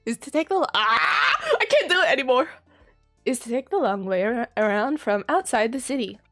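Woman streamer putting on a stiff metallic robot, fairly high, halting delivery, faint music under it. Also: sing-song, a bit bright, dry recording, studio quality, exaggerated voice. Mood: robotic. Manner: halting, breaks off and restarts mid-phrase. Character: stiff metallic robot guide, female-voiced. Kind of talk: game stream voice-acting dialogue.

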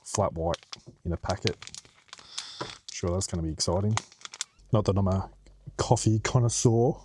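A man's voice: low voice, moderate pace, noisy background. Laid-back Australian man chatting outdoors. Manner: laid-back, chatty, laughs often, swears casually. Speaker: vlogger. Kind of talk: casual outdoor vlog chat. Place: outdoors by a quiet plantation road.

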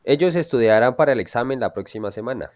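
A man's voice: mid-range voice, animated, quick pace, no room sound. A man with a Colombian Spanish accent, teaching an online English lesson and often checking whether his students follow. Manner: checks understanding often, asks students questions.

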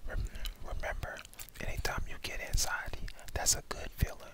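A young adult man whispers a reassuring ASMR pep talk of affirmations straight to the listener, close on a headset microphone. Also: moderate pace. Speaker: ASMR host. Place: indoors, small room at home. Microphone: headset microphone close to the mouth.

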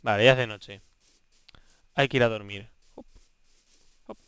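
Bright, excitable Spanish gamer man. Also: fairly low pitch, a little slow, clear, resonant tone. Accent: Spain Spanish. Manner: excitable, swearing, bantering with game characters. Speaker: gaming video host. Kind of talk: let's play commentary.

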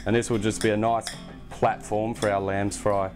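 A man's voice: lowish voice, normal speed. Man, young adult, cooking host, casual and chatty, lapel mic, home kitchen, music behind. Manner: relaxed, chatty, self-deprecating asides. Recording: background music under the voice. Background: music and pan sizzling.

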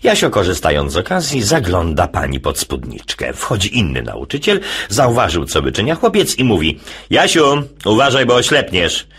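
A man reading jokes aloud in an animated way, laughing after the punchlines. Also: sits low, normal speed, husky. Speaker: joke teller.

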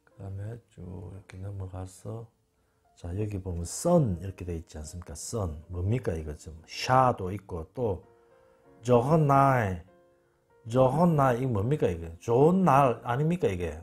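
A man's voice: sits low, animated, moderate pace, a little mellow, husky, soft background music. A man giving an informal spoken lecture, emphatic and repeating words over and over. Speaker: channel host.

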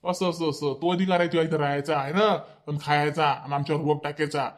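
In a cartoon, a man voices a bossy, petulant young husband with a Vidarbha Marathi accent, nagging and repeating himself in quick bursts. His voice is slightly high, steady in tone, and natural-sounding.

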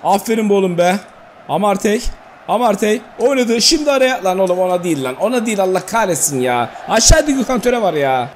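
A man giving excitable live commentary on his football video game, shouting at players and swearing when plays go wrong. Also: high voice, a little fast, slight background noise. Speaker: gaming YouTuber.

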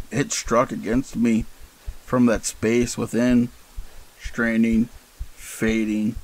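A man reading a horror story aloud as scripted narration, in a measured, deliberate way. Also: medium pitch, gravelly, low-quality recording.

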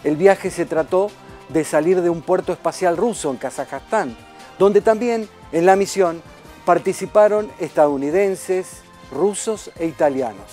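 A man reading a segment of news as a TV columnist, in a measured, read-out manner. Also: high voice, darkish tone, soft background music.

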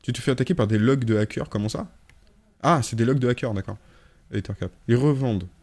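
A man's voice: mid-range voice, brisk, a little mellow. A man chatting casually with his viewers while playing a game live on stream. He rambles, hesitates with lots of fillers and corrects himself, cracking jokes as he goes. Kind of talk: casual live gameplay chat.

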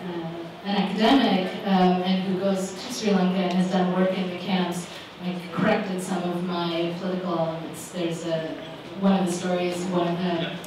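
A woman's voice: lowish voice, little pitch movement, moderate pace, few pauses. Woman author answering, roomy and distant. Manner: thoughtful, many fillers and restarts. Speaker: author on a panel. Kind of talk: panel Q&A answer. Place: living room with small audience. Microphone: handheld microphone. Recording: roomy sound from far camera, background noise.

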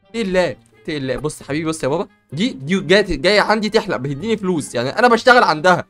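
A man with an Egyptian accent, playing a barber in a comedic game role-play, joking and stammering in quick repeats. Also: high-pitched, animated, fairly bright tone, faint music behind.

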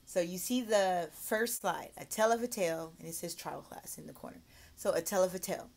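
A woman giving a mock online English lesson, switching between explaining to teachers and an exaggerated, bright voice for a child student. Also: fairly low pitch, fairly quick, gravelly.

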